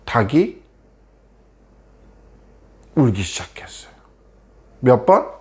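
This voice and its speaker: A man's voice: mid-range voice, slow. Korean man telling a children's sermon. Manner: asks children questions, lively storytelling. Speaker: children's preacher.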